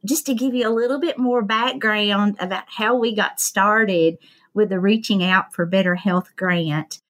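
A woman's voice: medium pitch, measured pace, fairly bright tone. Folksy woman with an Appalachian Kentucky accent. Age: 50s. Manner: folksy, self-deprecating humour. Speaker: podcast guest, nurse and diabetes educator. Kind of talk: interview talk, telling of own work.

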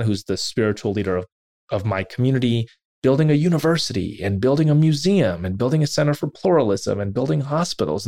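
A man hosting an interview podcast shares a personal story, earnest and self-deprecating, with animated quoted asides. His voice is lowish and there is no echo.

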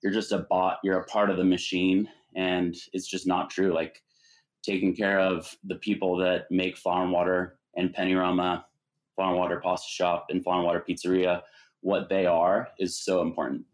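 Man, deep voice, restaurant partner, measured, earnest, interview. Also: monotone. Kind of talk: casual interview talk.

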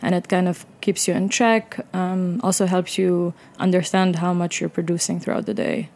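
A woman in a casual studio interview as a guest, explaining things in a halting, chuckly way. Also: on the low side, level tone, darkish tone. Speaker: interview guest, company co-founder. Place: small broadcast studio.

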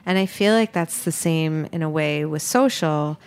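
A woman's voice: low-pitched, moderate pace, clean tone. A woman hosting a podcast interview, talking in a rambling, hesitant way with many restarts. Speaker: podcast host, food business owner. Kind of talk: casual interview chat.

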